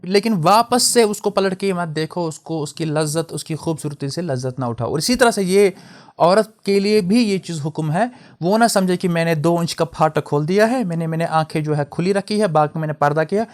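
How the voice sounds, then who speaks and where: High-voiced man giving a religious lecture. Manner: explanatory, switches into English mid-sentence; spells out and contrasts word pronunciations. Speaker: Islamic teacher.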